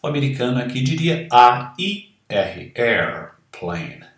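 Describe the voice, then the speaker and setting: A man teaching English to Portuguese speakers, explaining a text slowly and saying the English words aloud again and again. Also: mid-range voice, sing-song, reverberant, distant mic. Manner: slow, deliberate, models English words aloud and repeats them. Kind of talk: language lesson explaining a reading.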